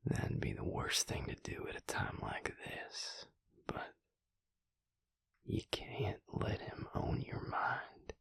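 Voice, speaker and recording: A man whispers as a protective, weary but tender vampire mate in an intimate audio roleplay, his voice hushed, breathy and gravelly, his manner deliberate and reassuring. There is no room sound, and the mood is gentle and reassuring.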